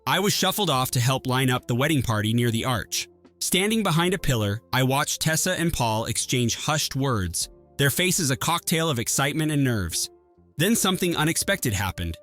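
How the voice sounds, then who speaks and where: A man telling a first-person story in an even, measured scripted narration. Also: mid-range voice, faint music behind.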